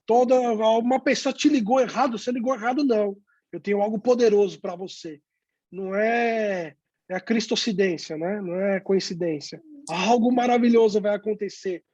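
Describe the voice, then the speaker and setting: A man's voice: sits high, darkish tone, dry recording, muffled recording. A man, a pastor, telling stories of sharing his faith and acting out the conversations. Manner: storytelling, acts out dialogue, pauses with "né?". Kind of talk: testimony in a youth talk.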